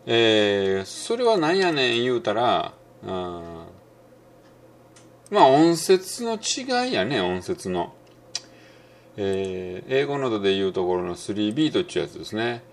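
A middle-aged man with a Kansai Japanese accent teaches English pronunciation casually, musing with plenty of fillers and slowing right down whenever he demonstrates a word. His voice is lowish and very animated.

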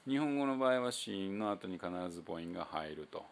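A man with a Kansai accent giving a casual spoken English pronunciation lesson as the show's host, chatty and loose with many fillers, slowing down to demonstrate sounds. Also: deep voice, lively intonation, gravelly. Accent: Kansai Japanese.

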